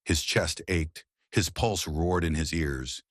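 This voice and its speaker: A man narrating a romance story in a measured, dramatic storytelling manner. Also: a bass voice, breathy edge, no room sound, studio quality.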